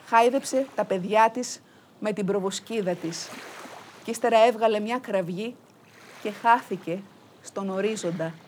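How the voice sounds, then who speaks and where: Lively woman telling a folk tale. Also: medium pitch, slight background noise. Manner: lively, rhythmic, playful with repetitions. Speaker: storyteller. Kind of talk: oral folk-tale narration.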